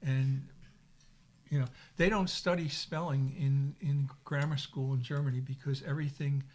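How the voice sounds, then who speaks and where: Older man with a flat, measured voice. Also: mid-range voice. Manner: explanatory, even and measured. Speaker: dinner guest. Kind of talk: casual dinner conversation.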